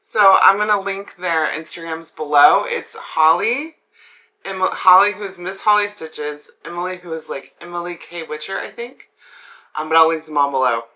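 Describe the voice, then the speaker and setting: A woman's voice: on the low side, moderate pace, pushed and bright. A woman with a swollen throat affecting her voice, hosting a casual craft vlog in a chatty, rambling way with enthusiastic asides. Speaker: craft video host.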